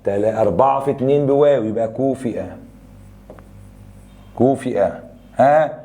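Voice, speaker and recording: A young adult man with an Egyptian accent teaching a grammar review lesson, explaining rules and firing quick questions at students. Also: mid-range voice, warm tone. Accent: Egyptian Arabic.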